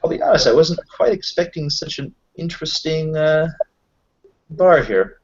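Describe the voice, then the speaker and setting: A roleplay player improvises casual in-character talk as Kyle, an affable self-employed tech contractor, explaining things in a hesitant, rambling way. The voice is medium-pitched at normal speed, with the highs cut off and slight background noise.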